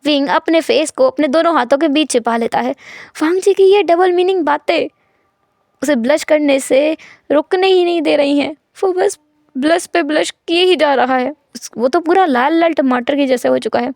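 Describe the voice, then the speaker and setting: A woman narrating a fan fiction story in a chatty, expressive way. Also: high-pitched, moderate pace, creaky, no echo, clean studio sound.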